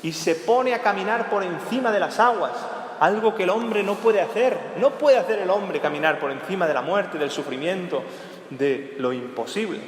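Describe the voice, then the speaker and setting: A male priest preaches a homily in a fairly high voice, stacking short repeated clauses straight at the listener. He climbs to urgent, raised phrases and drops to low, hushed ones. The sound carries a long church reverb with faint background hiss. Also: animated, normal speed. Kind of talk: weekday homily.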